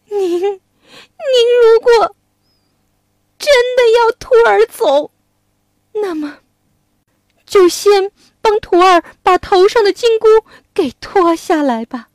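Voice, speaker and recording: A woman voicing a brash, loud male monkey king who shouts and pleads urgently. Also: very high-pitched, lively intonation, slow pace, pauses often, no echo, pitched above the performer's own voice, exaggerated voice. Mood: pleading.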